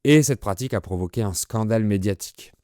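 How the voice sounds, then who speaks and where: A man's voice: fairly low pitch, fast, warm tone, no echo, clean studio sound. A man presenting an explanatory lesson for language learners in a didactic way, explaining words simply. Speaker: French teacher presenting a listening lesson.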